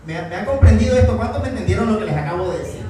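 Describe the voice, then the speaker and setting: Pastor preaching in echoey hall. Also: male voice, high voice, animated, very fast, warm tone, a little hiss or hum. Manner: asks the congregation rhetorical questions. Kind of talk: sermon. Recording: echoey church hall from far off.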